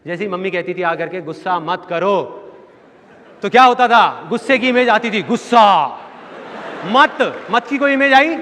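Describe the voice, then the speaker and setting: Bright, forceful, and high-pitched, the motivational speaker talks at a normal speed with lots of expression. He acts out characters in his stories and keeps returning to his key phrases, his voice ringing with long hall reverb over a faintly heard audience.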